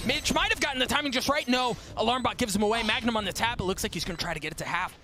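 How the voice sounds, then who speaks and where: A man calling a live esports match as play-by-play commentator, excitable, building from tense quiet to shouts at big plays. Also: very high voice, rapid-fire.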